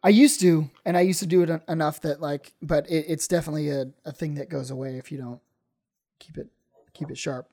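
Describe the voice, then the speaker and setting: A man's voice: fairly high pitch, steady tone, fairly quick, dark tone. A man, a stand-up comedian, chatting casually on a podcast, rambling with many fillers and restarts.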